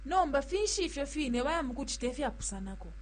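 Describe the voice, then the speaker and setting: Radio health spot: hesitant young mother, woman actor, questioning, high voice with swooping intonation. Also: very animated, a little fast. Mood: doubtful, questioning. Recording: humming, slightly noisy recording.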